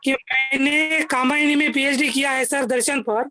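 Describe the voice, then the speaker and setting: A man's voice: very high-pitched, fairly even intonation, normal speed, a crowd in the background. A man calling into a live video session, his voice breaking up through a clipping, distorted mic as he politely asks a question and keeps saying sir. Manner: deferential, says sir often. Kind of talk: polite earnest question to a guest. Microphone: video call mic.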